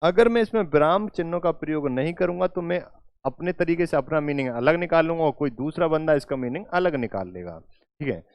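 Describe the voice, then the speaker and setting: Slow, repetitive male teacher at a board. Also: on the high side, animated, no room sound. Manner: repeats phrases slowly, often checks with "theek hai na". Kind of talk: classroom lecture with examples. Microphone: recording while writing on a board.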